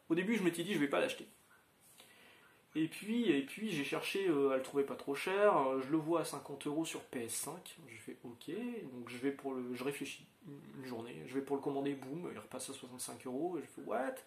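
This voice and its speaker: A man's voice: medium pitch, a little fast. Chatty man in an echoey room. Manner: rambling, chatty, many fillers and restarts. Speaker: channel host. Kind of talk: casual chat to viewers.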